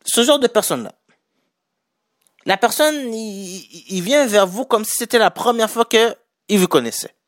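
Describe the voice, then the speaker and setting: A man with a Québécois accent talks viewers through business advice in a chatty, self-correcting way. His voice sits a little high and swings widely in pitch. The sound is dry and close, with no room echo. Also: expressive, moderate pace. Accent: Québécois French. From Quebec. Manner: chatty, corrects his own wording, laughs lightly. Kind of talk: casual spoken advice to viewers.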